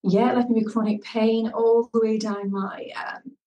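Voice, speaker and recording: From her home in Turkey, a Scottish well-being coach in her thirties reflects earnestly on a remote podcast interview. Her slightly high voice is level, mellow and at normal speed, captured by a distant mic with the highs cut off, in an echoey room with faint music.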